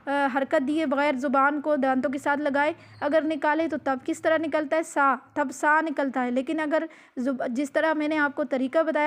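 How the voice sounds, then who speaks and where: A woman with a high voice gives a recorded lesson on pronouncing Arabic letters. She explains gently and repeats herself often, stretching each letter long as she demonstrates it. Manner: patient, repeats instructions, drawn-out letter demonstrations. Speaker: Quran recitation teacher.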